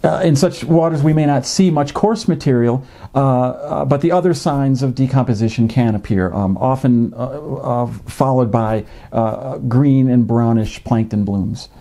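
A man in his fifties explains fishing in a measured, educational way, with frequent "uh" fillers. He sits in a home office. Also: mid-range voice, dark tone. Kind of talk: educational narration. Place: home office with a desktop computer.

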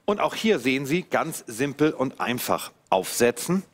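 A man's voice: mid-range voice, very animated, moderate pace, a little hiss or hum. Emphatic male teleshopping presenter. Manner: emphatic, persuasive, repetitive phrasing. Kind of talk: live sales pitch, product demonstration. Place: TV studio set. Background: background music.

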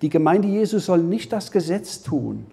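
A man giving a Bible teaching as a sermon, talking conversationally to the congregation, often checking with a quick "ja?" and restarting his phrases. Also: high-pitched, very animated, gravelly, dark tone. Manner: conversational preaching, frequent tag "ja?", restarts. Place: church hall.

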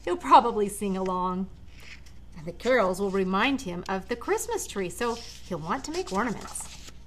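This middle-aged American woman has a medium-pitched, animated voice at normal speed as she reads a children's storybook aloud with feeling. She breaks off for chatty asides to young listeners. The setting is a large indoor living room, with room noise clearly heard in the background.

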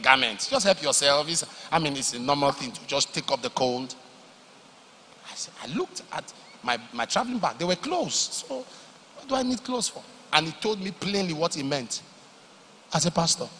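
A man preaching a sermon, moving between loud emphatic declarations and low, confiding storytelling. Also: a little hiss or hum. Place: large church hall. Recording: long hall reverb.

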